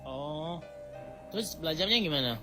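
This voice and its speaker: A man's voice: fairly high pitch, lively intonation, normal speed, pushed and bright. A young man from Indonesia making casual small talk with questions and short answers. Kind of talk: casual chat. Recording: music playing behind.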